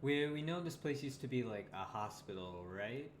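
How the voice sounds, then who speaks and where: A man's voice: medium pitch, expressive, normal speed, slight background noise. A man playing a tabletop horror game on stream, wondering aloud with many fillers. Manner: curious, thinking aloud with fillers. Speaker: player and stream host. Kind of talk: casual tabletop game chat.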